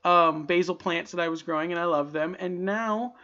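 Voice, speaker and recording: A young man chatting on a podcast, his voice bright and forceful as he rambles animatedly through stories and acts out the lines of people in them. The recording is slightly muffled and lo-fi, with the top end dulled. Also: high voice, normal speed. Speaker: podcast co-host. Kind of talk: casual chat.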